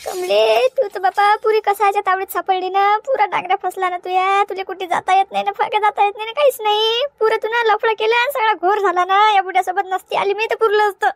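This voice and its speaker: A fretful village woman grumbles over her troubles in a piercing, very high cartoon voice, voiced by a woman. She mutters fast. The sound is dry and close. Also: steady tone, no echo. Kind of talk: cartoon voice acting.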